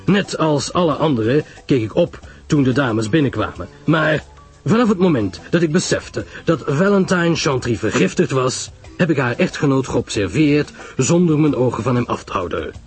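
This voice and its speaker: Playing an older male detective in a radio mystery, a man sounds grave and confident, his measured, emphatic lines rising and falling widely in pitch. He is animated but only lightly acted. Music accompanies his voice.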